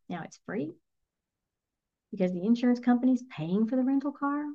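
Middle-aged female energy coach, slightly high voice, earnest and reflective storyteller, muffled recording. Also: lively intonation, normal speed. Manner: earnest, reflective, softly emotional. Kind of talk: personal storytelling monologue.

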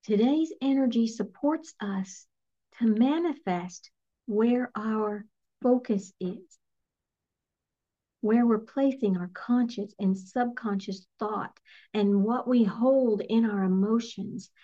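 A middle-aged woman, a spiritual energy coach, telling a personal story in an earnest, reflective, softly emotional way. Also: fairly high pitch, takes it slowly. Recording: slightly muffled lo-fi recording.

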